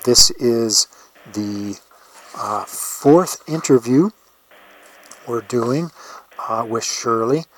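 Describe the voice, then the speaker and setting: A man conducting an informal oral history interview, with hesitant, pausing phrasing. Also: medium pitch, animated, rough recording.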